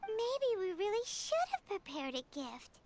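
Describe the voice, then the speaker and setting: Paimon, squeaky fairy sidekick. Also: female voice, sing-song, unhurried, darkish tone, a little hiss or hum, full character voice. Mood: chirpy. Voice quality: high, childlike, squeaky. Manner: chirpy and blunt. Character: tiny floating female fairy companion, chirpy, blunt. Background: game music.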